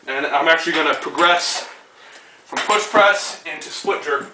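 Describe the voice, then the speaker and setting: A twenty-year-old man talks through a strongman lifting demonstration in a loose, casual way, with plenty of fillers between lifts. His voice sits a bit high and sounds bright and forceful. It reaches the camera from some distance, with a roomy gym echo around it. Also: slight background noise. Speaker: strongman athlete and coach. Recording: echoey room, voice far from mic.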